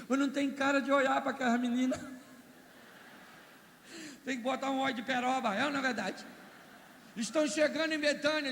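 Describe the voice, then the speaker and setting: High-voiced Brazilian preacher, gravelly. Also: male voice. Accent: Brazilian Portuguese. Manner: comic, lively, asks the crowd for agreement. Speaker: pastor. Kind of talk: humorous sermon storytelling. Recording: echoey hall, long reverb.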